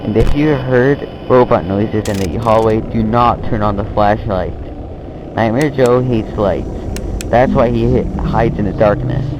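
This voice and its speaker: A man's voice: fairly low pitch, measured pace, close to an everyday voice. A man playing a casual night-shift trainer who gives an offhand briefing in a horror game phone-call monologue, often trailing off. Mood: casual, warning. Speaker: phone guide briefing a new night guard. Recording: noisy amateur recording, clear background noise.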